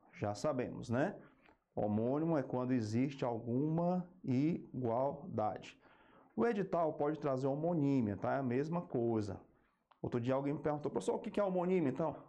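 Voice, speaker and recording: A Brazilian man teaching an exam-prep grammar lesson, slowing down to spell out key terms and checking in with a quick "ok?" between points. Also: medium pitch, warm tone. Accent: Brazilian Portuguese.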